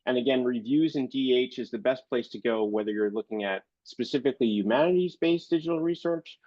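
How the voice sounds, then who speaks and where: Over dull, dry video-call audio, a congested, unwell man delivers an online library presentation. His voice is medium-pitched and brisk. He hesitates often and leans on plenty of fillers.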